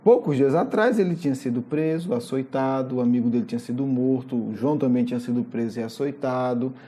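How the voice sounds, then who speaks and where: A spiritist lecturer with a Brazilian Portuguese accent, retelling a Gospel story in an animated, storytelling way and often adding questioning asides. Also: medium pitch, a little fast.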